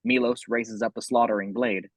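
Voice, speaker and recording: A man narrates a horror script in a husky voice, describing each action in the present tense. The recording is dry and close, with no room around him. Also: fairly low pitch, fairly even intonation, moderate pace, dry recording.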